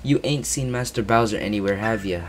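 A man doing a gruff, slangy turtle minion. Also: brisk, noisy background, close to an everyday voice. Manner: slangy, low, muttering. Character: gruff male turtle minion, street-talking.

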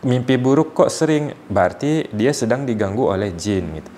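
A man with a mid-range voice talks through his points steadily, with a calm, explaining manner. A faint hiss of noise sits under the recording. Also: mid-range voice, moderate pace. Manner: calm, explaining with examples and acted quotes. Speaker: ruqyah healer. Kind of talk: explanatory talk to a patient.

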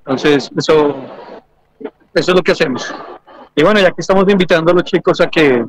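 A man's voice: on the high side, a little fast, poor audio. A man with a Colombian accent, an engineering lecturer and researcher, explaining energy topics at a fair stand and often checking understanding. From Argentina and Colombia. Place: large indoor exhibition hall.

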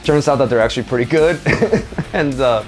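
A man in his thirties, an army medic veteran, giving a candid, profane interview in a dark studio with a joking, blunt manner. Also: mid-range voice, moderate pace. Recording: music underneath.

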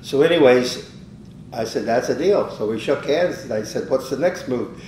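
A man's voice: animated, moderate pace, a little mellow. Older man telling rambling stories, roomy. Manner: rambling anecdotes, acts out quoted dialogue. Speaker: interviewee, business owner. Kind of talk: casual storytelling. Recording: roomy, distant mic with faint rumble.

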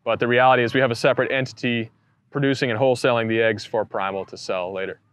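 A man in his thirties, a poultry farmer, explaining his operation in a relaxed, matter-of-fact way during an outdoor farm tour. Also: medium pitch, quick pace. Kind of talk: casual farm tour talk. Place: outdoors on a farm pasture beside a coop.

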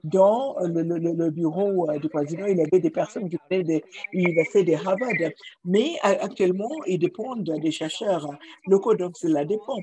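A man giving simultaneous interpretation of a panel discussion, halting, with frequent restarts and repeated words. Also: high voice, warm tone, low-quality recording. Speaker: conference interpreter.

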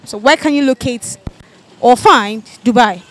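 High-voiced Ghanaian woman hosting street quiz. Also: unhurried, rough recording. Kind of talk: street interview. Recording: loud music over the voice. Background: loud music.

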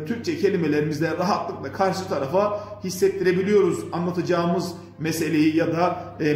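A man hosting a diction lesson, speaking earnestly and piously and rambling with filler sounds. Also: high voice. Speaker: diction course host. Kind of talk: casual instructional talk. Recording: echoey room with faint music.

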